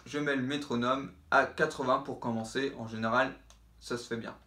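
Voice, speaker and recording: Trombone teacher with a roomy echo. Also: male voice, mid-range voice, normal speed. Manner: demonstrates articulation syllables aloud, relaxed and explanatory. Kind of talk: instructional video lesson.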